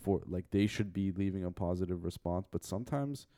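Casual podcast host, man, very low deep voice, rambling with fillers, dry close sound. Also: fairly quick, warm tone, dry recording. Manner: rambling, lots of filler words. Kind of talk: casual chat. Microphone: handheld mic.

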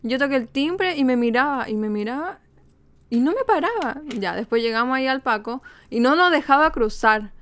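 A woman's voice: high voice, animated, fairly bright tone, clear, resonant tone. A young Chilean woman co-hosting a podcast in casual chat, telling stories with indignation. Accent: Chilean Spanish. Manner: indignant storytelling, quick to anger. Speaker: podcast co-host.

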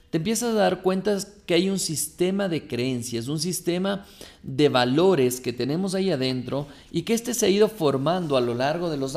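Motivational podcast host, male, gravelly and a bit high, preachy rhetorical questions. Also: darkish tone. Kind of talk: motivational monologue.

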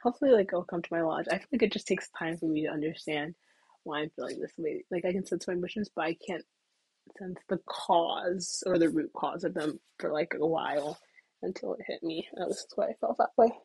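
A woman's voice: fairly low pitch, warm tone, breathy edge, dry recording, rough recording. A young woman telling a casual story to camera, chatty and full of "like", sometimes dropping into whispers. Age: young adult. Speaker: vlogger.

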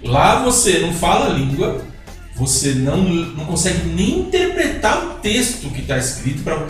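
A man's voice: a little high, sing-song, normal speed, soft background music. A man hosting a casual chat, often reacting with short exclamations. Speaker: host. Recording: echoey room, voice far from mic.

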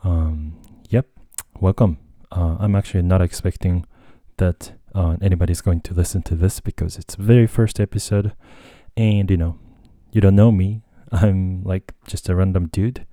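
A man's voice: low-pitched, fairly even intonation, moderate pace, dark tone, no echo, studio quality. A young Japanese man with a Japanese accent hosting a casual solo podcast, talking hesitantly with many fillers and self-corrections. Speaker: podcast host. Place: Tokyo, Japan.

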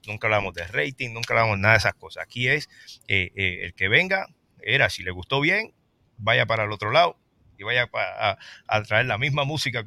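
A man hosting a casual talk show, lively and reading out viewer comments. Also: lowish voice, no room sound. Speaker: host.

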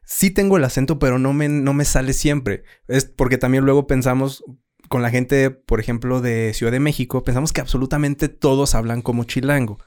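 A man's voice: mid-range voice, fairly even intonation, brisk, a little mellow. Easygoing young Zacatecas man. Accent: Zacatecas Mexican Spanish. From Zacatecas, Mexico. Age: young adult. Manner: easygoing, agreeable, laughs along. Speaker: podcast co-host. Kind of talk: casual chat.

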